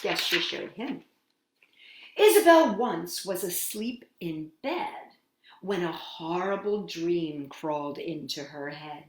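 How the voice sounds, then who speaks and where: Leaning into every line, a lowish-voiced woman hosting children's storytime reads a picture book with a sing-song lilt that swoops widely up and down. She lingers over words and holds dramatic pauses, unhurried. Her room gives off a noticeable, roomy echo.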